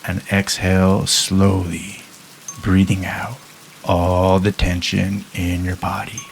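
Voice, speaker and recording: A man guiding a listener through a hypnosis induction in a soft, calm, measured way with long pauses. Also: low voice, soft background music.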